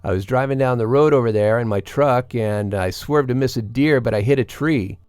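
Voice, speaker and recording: A man's voice: medium pitch, normal speed, darkish tone, clean tone, dry recording, studio quality, soft background music, voice pushed up, close to an everyday voice. A man voicing a stranded truck driver who calls out urgently in a raised voice.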